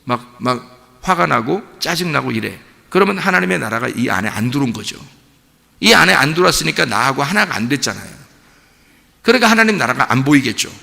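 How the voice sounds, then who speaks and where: A man's voice: medium pitch, sing-song, a little fast, gravelly, bright, forceful tone. A man preaching as a pastor, asking the congregation questions and building to emphatic insistence. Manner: asks the congregation rhetorical questions. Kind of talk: sermon. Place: church sanctuary. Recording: long reverb of a church hall.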